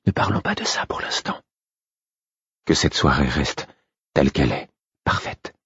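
A man reading a young woman's lines in an audiobook, soft and breathy, near a whisper. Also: extremely low pitch, animated, a little slow, dry recording, muffled recording, heavily acted. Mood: hushed tender. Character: young woman, tender lover, hushed and sleepy. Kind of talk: audiobook character voice.

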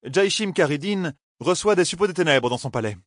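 An audiobook narrator voicing a wary young rogue, careful and ironic. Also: male voice, a little high, expressive, fairly quick, no room sound, clean studio sound, pitched above the performer's own voice, natural voice.

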